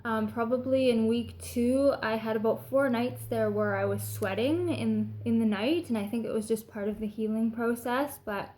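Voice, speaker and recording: A woman with a Canadian accent talks in a fairly high voice. She shares advice in a casual vlog style, chatty and informal, as if talking to people she knows. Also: moderate pace, few pauses, mellow, a little hiss or hum. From British Columbia, Canada. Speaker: vlogger sharing recovery tips.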